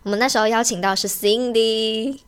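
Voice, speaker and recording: A young woman, co-hosting a podcast in casual chat, giggly and animated. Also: fairly high pitch, clear, resonant tone. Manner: giggly, animated, quick to mimic friends. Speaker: podcast co-host.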